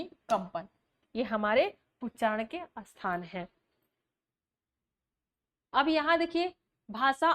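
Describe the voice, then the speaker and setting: A woman teaching a grammar lesson, explaining step by step, posing questions and answering them herself, and spelling out sounds one by one. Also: high voice. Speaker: Hindi teacher. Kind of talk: classroom lecture.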